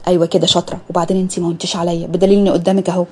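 A woman voicing a playful young man teasing his fiancée, in an Egyptian accent, with a soft, low-keyed delivery. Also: level tone, racing, slightly rough. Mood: tender. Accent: Egyptian Arabic.

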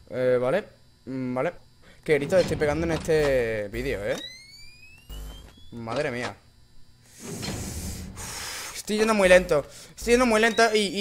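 A man with a Spanish accent from Spain, a high and reedy voice, commentating a horror game while swearing constantly and breaking into frightened screams. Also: fairly bright tone, a little hiss or hum. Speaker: gameplay commentator.

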